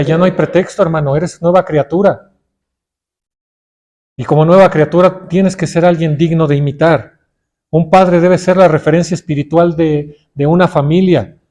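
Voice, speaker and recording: A man's voice: on the high side, darkish tone. A middle-aged man with a Mexican Spanish accent preaching a sermon, often calling his listeners brothers and putting questions to them.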